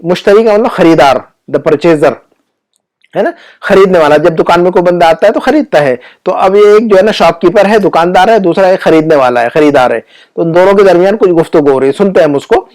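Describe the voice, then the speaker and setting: High-voiced man teaching grammar patiently. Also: expressive, a little mellow. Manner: patient, repetitive explaining with frequent checking questions; recites word lists slowly and deliberately. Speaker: Arabic teacher. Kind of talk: classroom grammar lesson.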